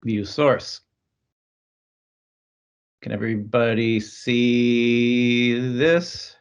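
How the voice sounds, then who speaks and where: Over what sounds like a video call, a man leads an online team meeting, reading aloud to colleagues with amused asides and easy chuckles. His mid-range voice stretches out words and has a clear, resonant tone, though the sound is lo-fi. It's casual work meeting chat.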